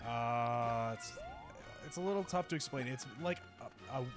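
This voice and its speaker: A man's voice: medium pitch, moderate pace, music in the background. A man co-hosting a game stream, chatting in an easygoing way with dry joking asides. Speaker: streamer co-host. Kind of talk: casual chat while gaming.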